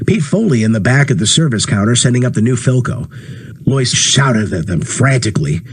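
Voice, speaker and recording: A man with a husky voice reading a story aloud, voicing the dialogue by lifting his pitch. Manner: acts dialogue with rising pitch. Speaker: narrator. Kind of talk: audiobook reading.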